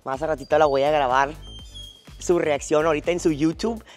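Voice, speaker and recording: A woman's voice: deep voice, steady tone, fairly quick, darkish tone, faint music behind. A woman, chatting and laughing as she tells a travel story while walking outdoors, on a lapel mic. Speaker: fitness vlogger. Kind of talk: casual travel vlog storytelling. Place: outdoors at a tropical resort.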